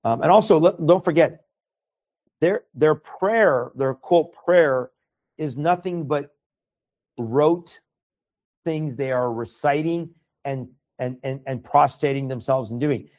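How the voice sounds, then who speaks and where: A man's voice: a little high, takes it slowly, a little mellow, lo-fi sound. A man from Iran whose first language is Farsi, a guest speaking earnestly in a conversational interview and often repeating words as he starts a thought.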